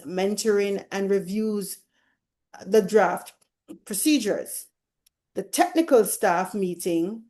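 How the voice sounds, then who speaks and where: A woman moderating a webinar panel, moving briskly between speakers and reading a case aloud slowly and deliberately. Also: medium pitch, dark tone. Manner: brisk transitions, then slow deliberate reading. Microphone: video call.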